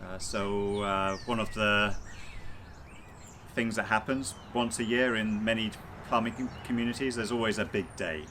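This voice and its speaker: A man interviews in a casual, conversational style with a fairly low voice. His phrasing is hesitant and halting. Clear noise sits behind him. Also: fairly even intonation, sharp tone. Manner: hesitant, halting phrasing with frequent short acknowledgements.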